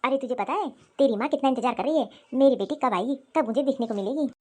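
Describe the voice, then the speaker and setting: A woman voicing a caring father of the bride in an animated cartoon, fussing over his daughter affectionately. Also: high-pitched, fast talker, breathy edge.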